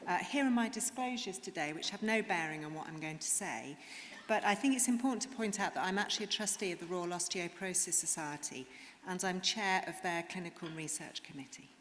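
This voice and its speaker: A woman's voice: lowish voice, a little fast, a bit bright. A woman giving a conference talk as a medical specialist, earnest and explanatory, with frequent ums. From England. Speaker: conference speaker, rheumatologist. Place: conference hall. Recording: reverberant hall, faint noise.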